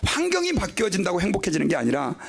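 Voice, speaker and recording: Pastor, man, sermon delivery, high gravelly voice, swings widely in pitch, directly addresses the congregation. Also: fast talker. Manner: animated storytelling preacher; leads the congregation in reading aloud.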